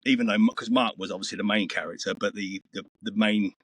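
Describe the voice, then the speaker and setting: A man's voice: on the low side, fairly even intonation, quick pace, fairly bright tone, husky, no echo. A middle-aged man, telling stories in a rambling, earthy way as an interview guest. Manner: rambling, earthy storytelling with swearing. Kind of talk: casual interview chat.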